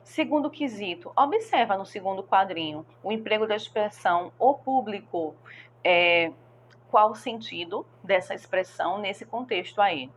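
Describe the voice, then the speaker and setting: A woman teacher explains grammar exercises step by step in a patient, explanatory way. Her voice sits at an ordinary middle pitch. A faint hum runs under the recording. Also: expressive, moderate pace. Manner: patient, explanatory, often checks with students. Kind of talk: teaching a Portuguese grammar lesson.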